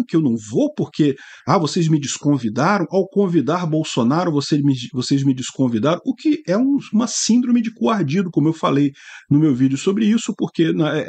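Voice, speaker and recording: A man's voice: fairly high pitch, a little mellow. A middle-aged Brazilian man giving sarcastic, indignant political commentary to a webcam indoors, often adding tag questions. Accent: Brazilian Portuguese. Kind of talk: opinion vlog commentary.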